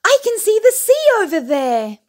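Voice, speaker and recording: A woman voicing an excited, impatient little bear cub in a storybook, squealing and eager. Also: very high voice, slow pace, voice pushed up, full character voice.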